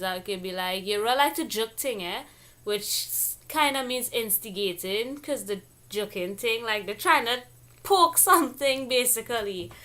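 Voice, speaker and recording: Woman, Caribbean accent from Trinidad, bright forceful voice, playful, expressive, casual vlog explainer. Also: mid-range voice. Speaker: vlog host.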